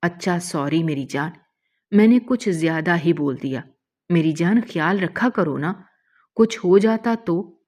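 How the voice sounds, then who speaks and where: Brief: woman reading a young husband, warm but short-fused, low-voiced. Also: lively intonation. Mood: tender. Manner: scolds loudly, then softens. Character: young husband, loving but quick-tempered. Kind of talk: emotional story reading.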